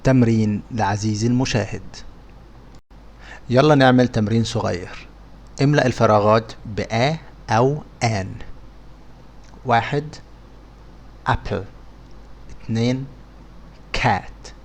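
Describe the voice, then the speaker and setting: Slow, careful Egyptian-accented teacher. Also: male voice, mid-range voice, vocal fry. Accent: Egyptian Arabic. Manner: slow, careful pronunciation of English examples. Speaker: English teacher. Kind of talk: scripted lesson narration.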